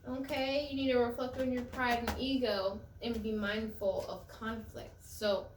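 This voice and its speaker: A woman gives a relaxed tarot reading to her viewers, talking in a loose, conversational way that circles back over her own phrases. Her voice sits a little off from the mic in a roomy, echoey space, with a faint hum underneath. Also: on the high side, a little slow, recorded from a distance. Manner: conversational, repeats and restarts phrases. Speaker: tarot reader. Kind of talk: casual spiritual tarot reading.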